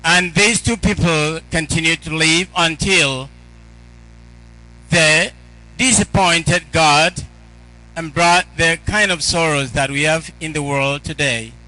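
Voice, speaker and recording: A man preaching a sermon as a homilist, addressing the congregation in measured, broken phrases. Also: on the high side, sharp tone, low-quality recording.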